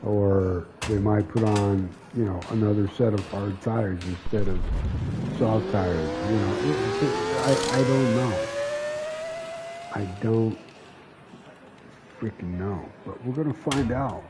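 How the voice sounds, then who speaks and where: A man's voice: on the low side, slow. A man giving casual gameplay commentary, thinking aloud, mumbling and swearing in frustration. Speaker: gaming channel host. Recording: game sounds running underneath. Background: racing game engine noise.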